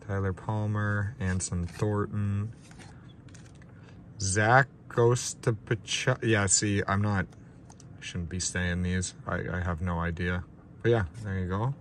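A man's voice: on the low side, steady tone, slow pace, slight background noise. A young man with a stuffed-up nose, casually talking through opening trading card packs, unscripted and a bit self-deprecating. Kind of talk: casual pack-opening commentary. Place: small room with a ring light.

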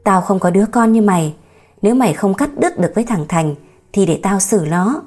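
A woman's voice: medium pitch, animated, fairly quick, darkish tone, faint music behind, close to an everyday voice. A woman voicing a stern old father in an audiobook story, blunt and scolding. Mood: angry.

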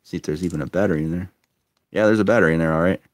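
A toy collector vlogger rips through a lot of old toy cars at an indoor table, filming them close up on a handheld phone. His low voice races along in chatty, wry commentary dotted with muttered asides.

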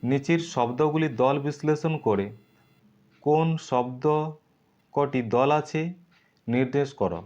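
A man of middle pitch teaches a recorded lesson, pulling words apart into syllables one by one. He asks his class a question and answers it himself. The sound is slightly dull and lo-fi. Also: a little slow, pauses often, a little mellow.

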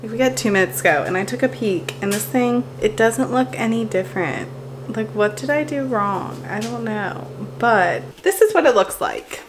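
A woman's voice: a little high, moderate pace, over music. A young woman chatting casually through a bake-along vlog in her home kitchen, thinking aloud and poking fun at herself. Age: young adult. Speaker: lifestyle vlogger. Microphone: camera at close range.

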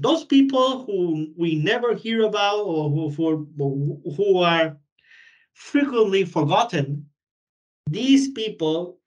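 Guest lecturer, man, high voice, methodical webinar delivery with listed emphasis, video call audio. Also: distant mic. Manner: explanatory, builds points through repeated lists.

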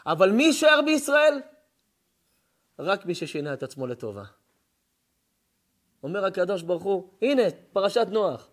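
A high-voiced male rabbi preaching a Torah lesson. He tells stories with strong emotion, drops to near-whispers, then rises to fervent shouts. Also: sing-song, long pauses. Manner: emotional storytelling, swings between hushed and shouting.

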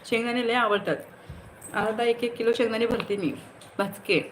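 A woman's voice: on the high side, fairly even intonation, moderate pace, a little hiss or hum, poor audio. A woman hosting a casual phone livestream, greeting viewers by name and chatting in a teasing way. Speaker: livestream host. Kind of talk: casual live chat reading comments.

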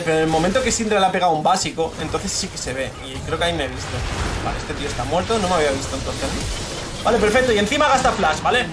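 A young gaming streamer from Spain, speaking Spain Spanish, gives casual live commentary as he plays, excitable and swearing while ranting in frustration at his teammates. His voice is fairly high-pitched, against a noisy background.

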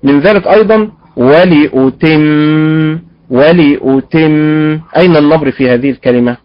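Deliberate teacher modeling pronunciation. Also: male voice, a little high, animated, lo-fi sound. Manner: repeats words slowly to model pronunciation; quizzes and praises students. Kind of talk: online recitation lesson.

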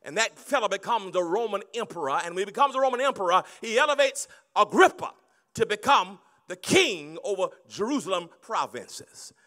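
A middle-aged man preaching a sermon on a handheld mic in a large banquet hall, moving between hushed storytelling and loud shouting. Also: high-pitched, animated, moderate pace. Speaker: pastor.

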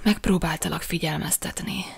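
A man's voice: high-pitched, gravelly. A woman voicing a young, playful male Scottish husband with a teasing manner in an audiobook reading. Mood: whispered. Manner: teasing, quietly amused.

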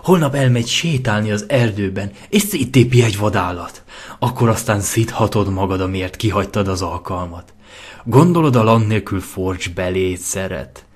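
A man's voice: lowish voice, close to an everyday voice. A man voicing a manipulative pony tempter who coaxes and pushes a friend toward a killing, in an audio fanfiction reading. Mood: persuasive. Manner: coaxing, insistent, contemptuous. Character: scheming manipulative pony tempter, coaxing and cruel.

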